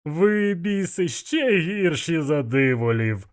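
A man's voice: fairly high pitch, sing-song, takes it slowly, clean tone, pitched above the performer's own voice. A man voicing a jovial, scheming older male gang boss who laughs a lot, in an audiobook. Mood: amused. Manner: boisterous, laughing.

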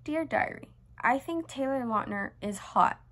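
A woman's voice: sits high, lively intonation, measured pace, a bit bright, slight background noise. A young woman reading her childhood diary aloud in an embarrassed, amused, self-mocking manner, with casual asides. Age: young adult. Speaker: vlogger. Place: small bedroom, indoors.

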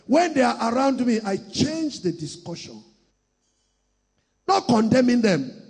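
A man with a Nigerian accent preaching a sermon as pastor, swinging between shouted declarations and soft asides. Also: very high voice, sing-song, unhurried, in a large hall. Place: church.

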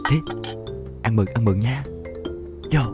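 Gleeful scheming man, played by an actor, ordinary pitch. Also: slow pace, over music, close to an everyday voice.

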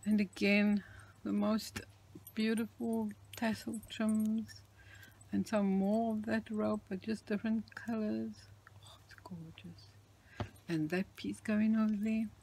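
A woman with a gravelly, creaky voice talks slowly through a craft show-and-tell video. She gushes over each detail and often sinks into a hushed whisper. Faint hiss sits under her voice. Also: medium pitch, flat delivery. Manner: gushing, admiring, drops into whispers. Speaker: craft vlogger.

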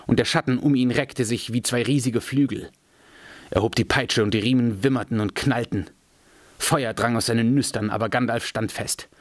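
A man reading a fantasy novel aloud in a measured, dramatic storytelling manner. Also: medium pitch, no room sound. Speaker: audiobook reader.

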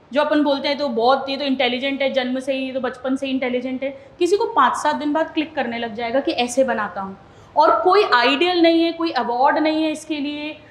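A woman teacher with a high voice talks a class through a study method step by step. She stops often to check that her students follow. The room is echoey around her. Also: a bit bright. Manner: explains step by step, asks students if they follow. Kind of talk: classroom lesson.

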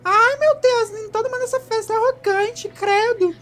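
A woman's voice: very high-pitched, steady tone, normal speed, heavy background noise. A woman voicing a ditzy, rude, tipsy female reporter at a party in a comedy skit, theatrical and whiny. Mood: brash. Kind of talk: comedy skit role-play. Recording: music playing behind.

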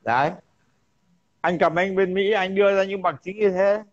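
A man's voice: sits high, fairly even intonation, moderate pace. A man, chatting earnestly and agreeing often. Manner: agreeing, short assents, earnest. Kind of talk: casual chat. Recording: dull lo-fi sound.

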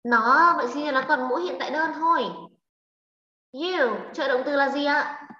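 A woman English teacher with a Vietnamese accent, leading a class online, brisk and prodding students with questions. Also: high-pitched, pushed and bright, a little hiss or hum. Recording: echoey, lo-fi online class audio.

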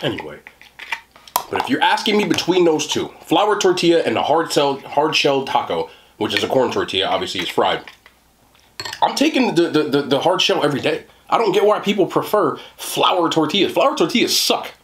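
A man's voice: a little high, big pitch swings, a little fast, background noise. Slangy man chatting through a mukbang. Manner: slangy, joking, talks while chewing. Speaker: food reviewer. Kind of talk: mukbang eating chat.

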